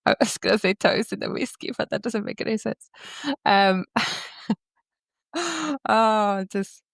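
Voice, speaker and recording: Gravelly-voiced woman co-host on a call. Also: mid-range voice, flat delivery, takes it slowly, no room sound, studio quality. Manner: rambling, self-correcting, laughing. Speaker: podcast co-host. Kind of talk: casual chat. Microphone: remote call.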